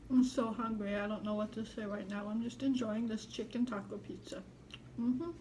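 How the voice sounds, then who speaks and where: A woman hosting an eating show, speaking softly and slowly with her mouth full of pizza. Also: fairly high pitch, fairly even intonation, a little hiss or hum, poor audio. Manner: slow, soft-spoken, murmuring between bites. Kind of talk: casual eating show commentary.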